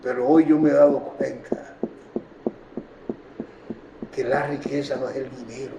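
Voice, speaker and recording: A man with a Dominican Spanish accent giving an emotional public talk to journalists, telling stories in quick, impassioned bursts. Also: medium pitch, fairly even intonation, gravelly, background noise. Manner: impassioned, storytelling, rapid bursts. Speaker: speaker addressing journalists. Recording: echoey room from far off, dull sound.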